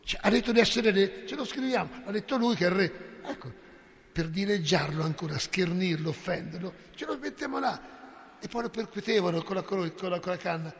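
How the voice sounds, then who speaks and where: A priest delivers an impassioned sermon in a fairly high, gravelly voice, dropping to near whispers and then rising to ringing cries. His words hang in the long reverb of a church. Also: lively intonation, normal speed. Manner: impassioned, rhetorical, swings between hushed and loud.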